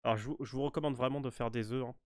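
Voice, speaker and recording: Relaxed French man narrating a walkthrough. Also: mid-range voice, racing, dry recording, clean studio sound. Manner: relaxed, hesitant, many fillers and restarts. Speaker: gaming walkthrough host. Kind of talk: casual game walkthrough commentary.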